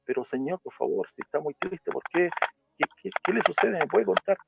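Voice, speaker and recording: A man's voice: high-pitched, lively intonation, brisk, creaky, very noisy, voice pushed up, exaggerated voice. A man voicing a pleading little boy who keeps coaxing an upset grown-up, in a dull, lo-fi recording with music behind. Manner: insistent, coaxing.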